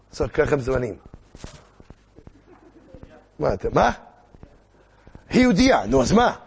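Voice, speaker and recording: A man teaching a lively lesson, theatrical and animated, firing questions at his listeners. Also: fairly high pitch, vocal fry, husky.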